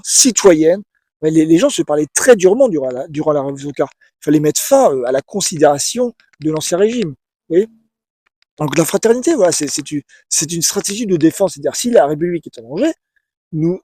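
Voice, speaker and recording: Man, casual commentary, halting and repetitive, slightly high voice, mellow tone, dry close sound. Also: dry recording. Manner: hesitant, many repeated words and restarts, often asks "vous voyez?". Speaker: video essayist. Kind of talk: casual spoken commentary to camera.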